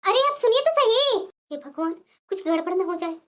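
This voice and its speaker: A woman voicing both mother-in-law and daughter-in-law in a cartoon family story, expressive and quick to switch roles. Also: very high-pitched, slight background noise. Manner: expressive, switching between two figures.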